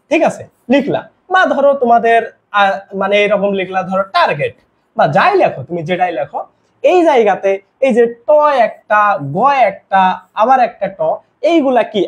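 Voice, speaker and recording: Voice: mid-range voice, very animated, normal speed. A teacher gives a live online grammar class in a casual style, mixing in English words and posing questions they answer themselves. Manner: asks quiz questions and answers them.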